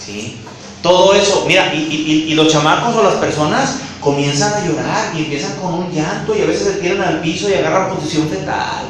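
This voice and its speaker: A man from Mexico, preaching a sermon to his congregation in an animated way and calling them brothers. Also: on the high side, fairly quick. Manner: animated, addresses listeners as brothers. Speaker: pastor. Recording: echoey room, mic far off.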